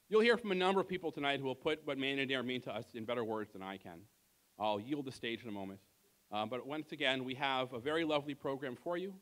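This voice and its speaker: A man's voice: on the high side, fairly bright tone. A man giving a heartfelt tribute speech at a banquet, searching for words before handing off the stage. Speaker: banquet emcee. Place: large event hall in a car museum.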